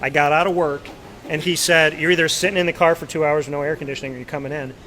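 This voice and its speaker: A man hosting a casual interview, chatty and telling stories with animated quoted asides. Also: fairly high pitch, fast talker, a little hiss or hum. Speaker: talk show host.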